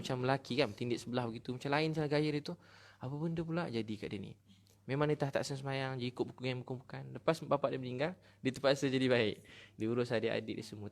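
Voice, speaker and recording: A middle-aged man with a Malaysian Malay accent preaching a sermon, telling stories with feeling and rising loud at key points. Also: mid-range voice. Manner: storytelling, emotional, rises in loudness at key points.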